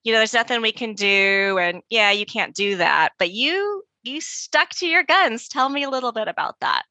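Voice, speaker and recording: A woman's voice: on the high side, lively intonation, moderate pace, sharp tone, no room sound. A woman hosting a podcast interview, enthusiastic and full of exclamations. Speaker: podcast host.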